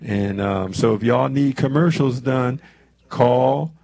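Gravelly, dark-voiced man in his seventies. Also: medium pitch, slow. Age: 70s. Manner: preacherly, peppers talk with amens. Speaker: radio show host. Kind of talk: casual church radio talk. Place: radio studio.

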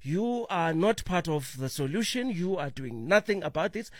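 A man's voice: fairly high pitch, very animated, normal speed, no room sound. A man hosting a radio talk show in a studio, putting direct, probing questions to callers. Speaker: radio host.

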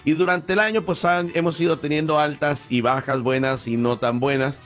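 A man's voice: on the high side, fairly even intonation, moderate pace, fairly bright tone, soft background music. A man hosting a talk show, chatting with a guest and asking friendly questions. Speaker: radio host.

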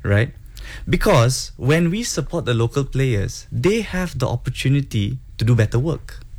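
Raised in Singapore and Hong Kong, this man appears as a guest entrepreneur in a relaxed advice talk blending English and Malay, sincerely encouraging listeners and repeating words to stress points. His mid-range voice is expressive and darkish, at normal speed.

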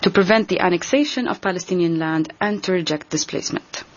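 A woman giving a translation voice-over as an interpreter, rendering a formal speech in a measured, deliberate way. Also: lowish voice, dull audio. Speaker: simultaneous interpreter.

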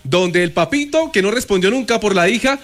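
A man's voice: high voice, lively intonation, brisk, a bit bright. A man with a Colombian accent co-hosting a radio show, telling stories in casual slang.

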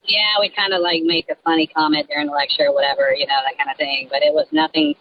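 A male caller on a phone line, his voice pushed through a morphing voice changer so it comes out lowish, gravelly and oddly synthetic. He tells his story in a sheepish, self-conscious way, his pitch swooping up and down a lot. The line sounds dull and lo-fi. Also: big pitch swings, fast, no room sound. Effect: voice changer disguising his voice. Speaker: radio show caller. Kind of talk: anonymous phone-in confession, casual storytelling. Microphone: telephone.

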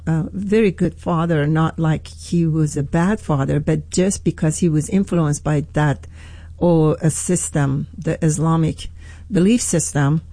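Older Iranian-accented woman, earnest and halting. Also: low voice, warm tone, dry recording. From Iran. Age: 60s. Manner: hesitant, many fillers and restarts, earnest. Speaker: pastor, guest. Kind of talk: personal testimony in an interview.

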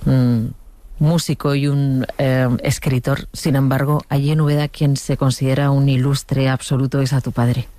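A woman hosting a radio interview, asking gentle, probing questions. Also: rumbling low, little pitch movement, moderate pace, no room sound.

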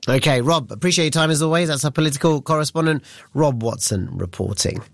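A man presenting live news, reading brisk scripted links and questioning a correspondent. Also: on the high side, vocal fry, a bit bright, no room sound.

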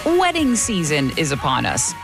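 A woman hosting a radio show, introducing guests and segments in a clear, measured way. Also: low-pitched, wildly swooping pitch, loud music behind the voice. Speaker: radio host.

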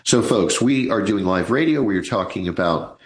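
A man's voice: on the low side, expressive, normal speed, echoey room, rough recording. A man in his sixties hosting a live financial radio show, chatting in a folksy way and calling his listeners folks. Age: 60s.

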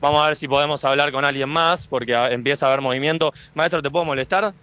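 A man with a Rioplatense Argentine accent doing live radio street interviews outside a stadium, chatty and firing quick follow-up questions. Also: a little high, bright, forceful tone. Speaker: radio field reporter. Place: outdoors near a stadium.

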